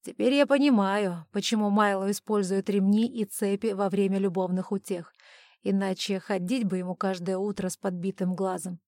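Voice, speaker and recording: A woman's voice: mid-range voice, fairly even intonation, normal speed, darkish tone, no echo, clean studio sound, close to an everyday voice. A woman voicing a brash, sardonic young nobleman in an audiobook. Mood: wry. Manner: indignant and sardonic. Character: brash wry young male lord, nobleman.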